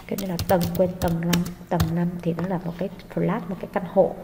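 A woman's voice: lowish voice, flat delivery, fast. A woman, a teacher patiently walking through exam answers with many fillers. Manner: patient, hesitant with frequent fillers. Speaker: English teacher. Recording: long hall reverb, faint noise.

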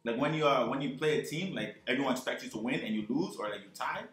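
A man in his twenties with a bright, crisp voice, speaking over a gaming headset in a roomy space with echo. He talks in an easygoing, modest way and sometimes trails off mid-sentence. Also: medium pitch, expressive, quick pace, faint music behind. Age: 20s. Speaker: guest. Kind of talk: casual gaming chat. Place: bedroom streaming setup, indoors.

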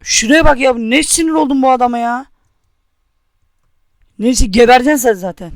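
High-pitched young man raging at a game. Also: moderate pace, dry recording. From Turkey. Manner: angry, cursing, taunting. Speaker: gamer. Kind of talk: gameplay commentary.

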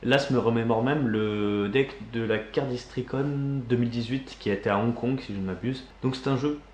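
A man co-hosts a casual magic news show and gives the facts in an even, informative way. He is recorded in an echoey room. A faint hiss sits under his voice. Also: medium pitch, normal speed. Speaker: co-host.

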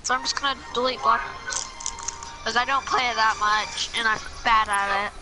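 Woman, high-pitched, casual gaming chat, rambling, fillers, game music blaring behind. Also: steady tone, moderate pace, low-quality recording. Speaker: gaming channel host. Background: loud game music.

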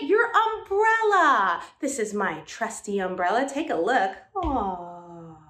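A woman's voice: fairly high pitch, a bit bright. A woman teaching a music class for young children, talking in a cheerful, sing-song way and coaxing the kids to join in.

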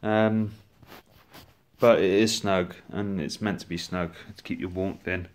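A man's voice: deep voice, measured pace. A man giving a casual, chatty walkthrough of his outdoor gear, filmed on a handheld phone camera indoors at home. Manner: chatty, relaxed, with frequent restarts. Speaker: gear reviewer.

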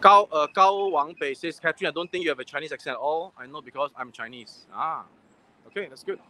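A man in his forties hosts a casual livestream as he walks a busy city street, chatting and reading viewer comments. His voice is fairly high, fast and sharp, captured by a gimbal-mounted phone held at arm's length, with faint street noise behind.

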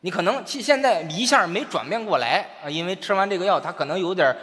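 A man's voice: sits high, lively intonation, quick pace, fairly bright tone, a little hiss or hum. A man performing stage crosstalk comedy as a coaxing, bossy straight man. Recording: live hall with faint ambience.

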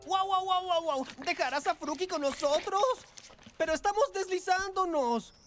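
A woman voicing a small, playful, excitable furry animal sidekick in an exaggerated children's cartoon style. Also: extremely high pitch, moderate pace, music in the background. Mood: excited. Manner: exclamatory, exaggerated cartoon delivery. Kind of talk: animated children's show dubbing.

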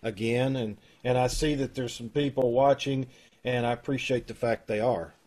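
A middle-aged man with a medium-pitched, slightly mellow voice hosts an amateur troupe over a video call, chatting casually as he introduces the cast and the show. He speaks at a moderate pace with fairly even intonation from an indoor room at home, heard through the video call microphone.

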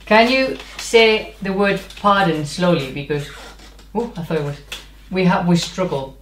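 A woman's voice: lowish voice, slow pace, slight background noise. A woman from Spain with a Spanish accent, co-hosting a bilingual casual chat and asking curious questions. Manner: curious, asks questions, laughs easily. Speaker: co-host, language learner. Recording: echoey room.

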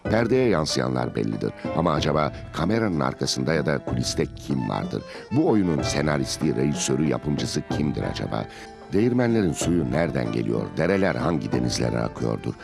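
Very deep gravelly male narrator over music. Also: sing-song, brisk. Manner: theatrical, rhetorical, emphatic phrasing. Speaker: TV programme presenter. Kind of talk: dramatic scripted narration.

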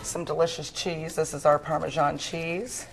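A woman's voice: sits low, flat delivery, moderate pace, gravelly, background noise. A woman cooking in a restaurant kitchen as she chats on a TV segment, upbeat and eager, laughing easily. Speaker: restaurant cook. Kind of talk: cooking demo chat. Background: food sizzling on the stove.

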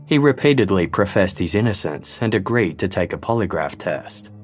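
A man with a deep voice narrates true crime in an even, measured manner. His delivery stays sober and controlled throughout. Faint music sits quietly beneath him. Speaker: podcast host and narrator.

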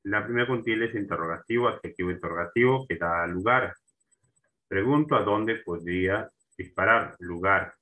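A man's voice: on the low side, bright, forceful tone, rough recording. A man teaching a grammar lesson, repeating terms and checking in with his students as he goes. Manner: slow and repetitive, restarting words and asking for agreement.

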